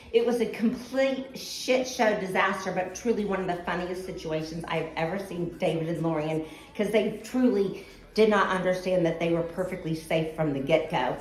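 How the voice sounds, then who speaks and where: An animated woman recounts a misadventure in casual storytelling, laughing now and then and jumping into shrieks to act out the others. Her voice sits in a middle range. The room around her is noticeably echoey. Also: medium pitch, normal speed. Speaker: friend telling stories at a birthday tribute.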